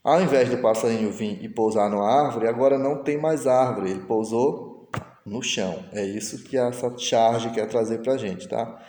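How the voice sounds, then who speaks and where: In an echoey room full of long reverb, a man teaches a recorded online lesson, explaining each step patiently and speaking his students' questions aloud on their behalf. His voice is medium in pitch and dark, at a moderate pace.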